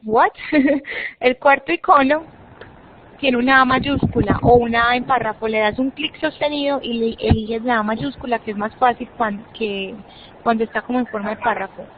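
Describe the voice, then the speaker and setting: A woman teaching an English class online, explaining patiently and repeating words slowly. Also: on the high side, noisy background. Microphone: video call. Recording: muffled online call audio.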